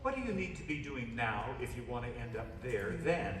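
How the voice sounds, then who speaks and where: A man's voice: medium pitch, big pitch swings, fairly quick, fairly bright tone. A man preaching a sermon as guest pastor, mixing stories with playful asides and calling on the congregation to answer back aloud. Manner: calls on the congregation to respond aloud. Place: church sanctuary. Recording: echoey church hall, distant mic, background noise.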